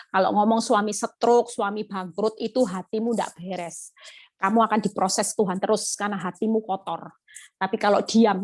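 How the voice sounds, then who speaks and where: A woman preacher, giving a dramatic testimony sermon and acting out prayers. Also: medium pitch. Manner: dramatic, acts out prayers and God's replies, ends phrases with "Saudara". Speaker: woman preacher at a ladies' fellowship.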